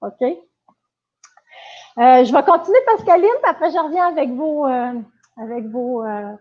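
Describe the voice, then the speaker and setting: A woman's voice: high voice, normal speed. A woman with a Quebec French accent, giving a casual live-stream lesson as a dog trainer, chatty with many fillers and restarts. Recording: tinny phone-like audio.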